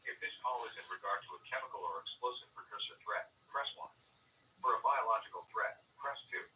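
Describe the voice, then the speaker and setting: Man's recorded phone menu voice, bright and distant. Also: fairly low pitch, fairly quick. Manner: calm, even, formal announcing. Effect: recorded menu heard through a phone line. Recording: distant phone line with faint hiss.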